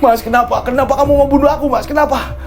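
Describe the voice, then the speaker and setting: A man voicing a frightened, confused young man who shouts in panic. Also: very high-pitched, steady tone, fast talker, faint music behind, pitched above the performer's own voice. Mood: panicked.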